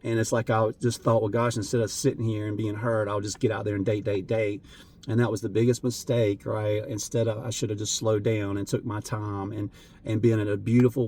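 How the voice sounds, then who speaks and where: A man talking earnestly and emotionally to camera as a vlogger, halting, with many fillers and restarts. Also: lowish voice, flat delivery, darkish tone, slight background noise. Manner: emotional, voice wavering at times. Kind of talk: heartfelt unscripted talk to camera.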